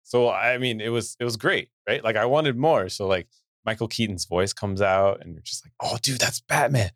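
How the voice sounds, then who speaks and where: Brief: relaxed male host, lowish voice, dry mic, casual banter. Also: normal speed, dry recording. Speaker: podcast host. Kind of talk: casual chat.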